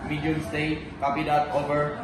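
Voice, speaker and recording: A man on a ship's bridge reads back anchoring reports in clipped, even radio procedure, his voice flattened into a monotone. He comes through a ship's radio with static bursts, far off and echoing. Steady noise sits under every word. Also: fairly high pitch, moderate pace. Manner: flat, clipped order-giving and readbacks. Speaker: ship's bridge officer giving anchoring orders. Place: on a ship during a mooring operation. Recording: echoey, distant, noisy radio with static.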